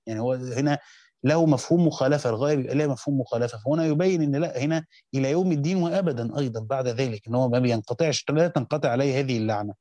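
A man's voice: medium pitch, mellow, dry recording. A man with an Egyptian accent, reading passages from a classical commentary and explaining them in a teaching style, often breaking off and restarting mid-phrase. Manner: reads quoted text then explains in colloquial speech, with frequent restarts. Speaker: teacher of Quranic exegesis.

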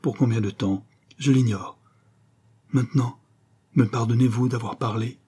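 A man's voice: medium pitch, steady tone, a little slow, dark tone, breathy edge. A man voicing a fervent young nobleman declaring his love and vowing to set out, declaiming with a raised voice.

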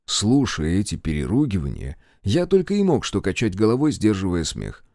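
A man narrating a first-person fantasy audiobook in an expressive, wry storytelling manner. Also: fairly low pitch, moderate pace, dry recording, studio quality.

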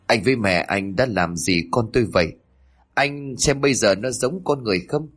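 A man's voice: lowish voice, moderate pace, breathy edge. A man voicing an angry older mother who scolds her son-in-law, in a storybook reading. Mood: furious. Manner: scolding outburst.

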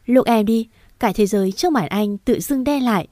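A woman reading the lines of a tender, earnest young husband in a storybook romance, in a gentle, reassuring way. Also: fairly high pitch, moderate pace, no room sound, clean studio sound, lightly acted.

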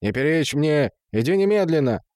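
This audiobook reader, a man, plays an angry middle-aged husband who blusters and scolds with indignation. His pitch is a little high and swings widely, his pace is normal and his tone darkish, all captured in a dry, clean studio recording.

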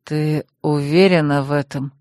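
A woman reading aloud who voices a young male mage, dropping her voice low and speaking earnestly and with measure. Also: fairly even intonation, measured pace, a little mellow, dry recording, clean studio sound. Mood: wary. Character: young male mage, wary then apologetic.

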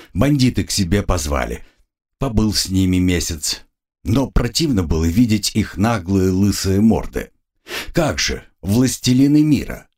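Husky low-voiced male narrator. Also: a little mellow. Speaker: audiobook narrator. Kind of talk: scripted narration.

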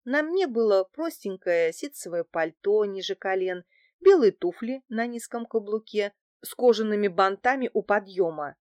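A woman narrating a first-person audiobook in an even, measured way. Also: mid-range voice, dry recording, dull audio.

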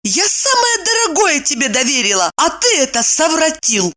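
A woman doing a shrill, hot-tempered younger sister. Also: very animated, normal speed, heavily acted. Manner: shrill, snapping and shouting. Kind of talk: audiobook character voice.

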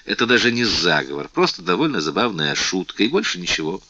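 A proud king speaks in cold, sarcastic tones, read by a man. His low voice has a bright, cutting edge. The take is dry and dull, like a lo-fi recording. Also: sing-song, brisk, no room sound, full character voice. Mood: cold mocking.

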